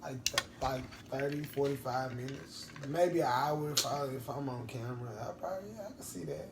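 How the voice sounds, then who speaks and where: A man's voice: medium pitch, normal speed. A tired young man chatting loosely as co-host at home. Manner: laid-back, sleepy, loose talk. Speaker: boyfriend and co-host. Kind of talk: casual chat. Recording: noisy roomy sound, off mic.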